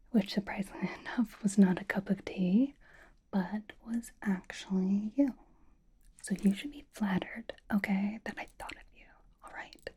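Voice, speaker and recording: A woman's voice: medium pitch, mellow, slightly rough. A woman whispering a roleplay monologue to the listener in a library, teasing and blunt.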